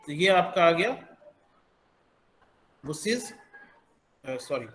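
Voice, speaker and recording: A man explaining English pronunciation in a measured, unhurried way, stopping often with drawn-out fillers. His voice sits a little high for a man and rings in an echoey room. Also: fairly bright tone, a little hiss or hum. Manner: slow, halting, many filler pauses. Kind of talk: explanatory classroom lesson.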